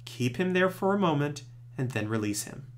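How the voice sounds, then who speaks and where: A man presenting scripted training tips, giving clear step-by-step instructions as a narrator. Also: on the high side, expressive, moderate pace, a little hiss or hum.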